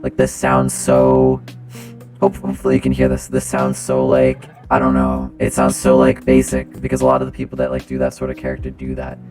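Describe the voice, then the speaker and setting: Guy on a tinny robot voice changer, low and synthetic, rambling casual stream talk, faint guitar behind. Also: monotone, fairly quick. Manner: rambling, full of "like" fillers. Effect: robotic voice changer filter, pitched down.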